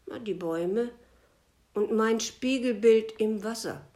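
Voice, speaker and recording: A woman's voice: on the high side, takes it slowly, warm tone, pitched above the performer's own voice. A woman voicing the indignant sky in a told fable, raising her voice above her narration. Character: indignant sky unwilling to rise.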